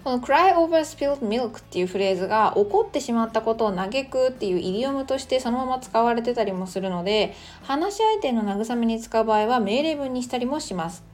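A woman's voice: on the high side, expressive, darkish tone, soft background music. Chatty woman teaching English phrases. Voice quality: chatty, explanatory, mixes in slow careful English phrases. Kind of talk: casual podcast lesson. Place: Australia.

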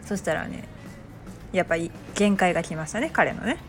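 A woman, a mother hosting a casual spoken monologue, telling a lively story with laughs and acted-out quotes. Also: lowish voice, a little fast, gravelly, soft background music. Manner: chatty, animated storytelling with quoted voices and laughs. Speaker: podcast host, mother.

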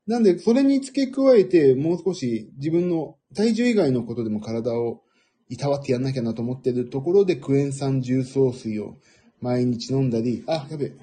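A middle-aged man with a husky voice hosting a casual, rambling audio stream in a self-deprecating manner. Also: medium pitch, animated, moderate pace, dark tone. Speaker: audio livestream host.

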